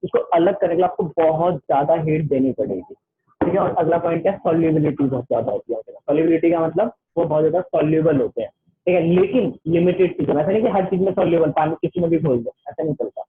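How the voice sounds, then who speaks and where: A chatty young man with a Hindi accent teaching a class online, joking with his students as he goes. His voice sits a little high and comes through a thin, phone-like line. A faint hiss runs underneath. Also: fast. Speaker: tutor. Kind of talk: casual online class lecture. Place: home.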